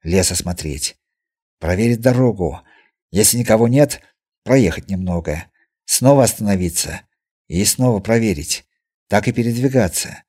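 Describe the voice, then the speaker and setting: A man reading the lines of a wary male caravan guard who speaks low and uneasy. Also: lively intonation, normal speed, darkish tone, husky. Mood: uneasy, hushed.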